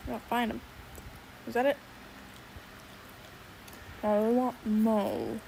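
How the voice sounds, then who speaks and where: A woman's voice: on the high side, fairly even intonation, slow pace, gravelly, dark tone, slight background noise, rough recording. A young adult woman streamer chatting casually while she draws, thinking aloud and swearing now and then. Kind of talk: casual livestream chat while drawing.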